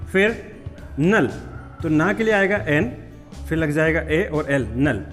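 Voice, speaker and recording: A man's voice: fairly high pitch, lively intonation, slow pace, fairly bright tone, in a large hall, soft background music. A man teaching a patient, step-by-step spelling lesson, repeating words and checking that students follow. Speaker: English teacher. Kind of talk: classroom-style spelling lesson.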